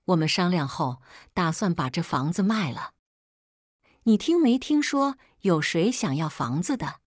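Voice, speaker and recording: A woman's voice: fairly low pitch, sing-song, a little slow, no echo. Worn-out but stubborn young daughter, read by a woman, dry close sound. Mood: resolute. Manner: weary, resolute. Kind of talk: scripted story narration.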